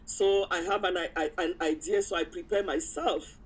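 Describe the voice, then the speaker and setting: A woman's voice: lowish voice, normal speed, husky, rough recording. A woman guest in an interview, telling a personal story casually and acting out the dialogue as she goes. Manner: animated retelling with acted-out quotes and frequent chuckles.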